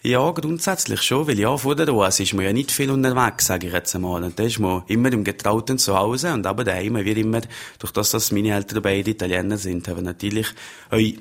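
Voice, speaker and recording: A man with an Upper Valais Swiss German accent speaks as a guest on a radio interview, answering in easygoing, rambling stories. His voice is very deep and low throughout. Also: fairly quick. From Upper Valais, Switzerland. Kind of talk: conversational interview.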